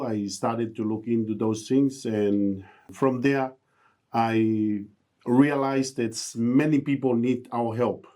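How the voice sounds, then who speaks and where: A middle-aged Tongan man, a motivational speaker, talks earnestly as a guest in a podcast interview, his English grammar uneven. His voice is mid-range with a dark tone.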